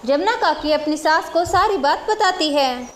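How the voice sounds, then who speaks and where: A woman storyteller giving steady, simple scripted narration for a children's village tale. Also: high-pitched, a little slow, a little hiss or hum.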